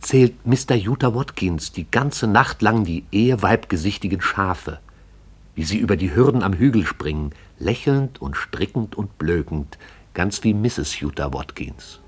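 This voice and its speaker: With a husky, slightly low voice, a man delivers expressive, scripted narration for a radio drama. He keeps a measured, storytelling pace throughout.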